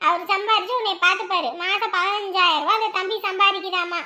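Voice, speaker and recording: A shrill, bright-toned mother scolds without letup. She nags, makes threats and fires rhetorical questions at her grown daughter in a family web drama. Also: fairly even intonation, brisk, exaggerated voice. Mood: persuading. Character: scolding middle-aged village mother, stern.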